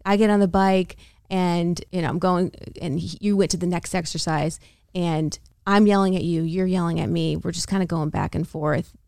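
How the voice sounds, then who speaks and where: An American woman co-hosting a podcast, telling a story in an animated, casual way with frequent laughter and acted-out quotes. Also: on the low side, moderate pace, no room sound, studio quality. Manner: animated, laughs often, acts out quoted dialogue. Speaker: podcast co-host.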